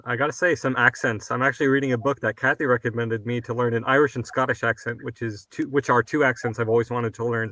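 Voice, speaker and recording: A man's voice: mid-range voice, sharp tone, no room sound. A man who works as a voiceover artist, talking confidently and eagerly in casual chat.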